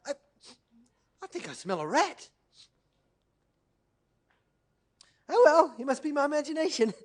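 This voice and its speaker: A showy, wisecracking male bandicoot hero, as a woman acts him out, whooping and swaggering with a high voice that leaps all over the place. He talks like a cartoon star playing to a crowd. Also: big pitch swings, a little fast. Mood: goofy.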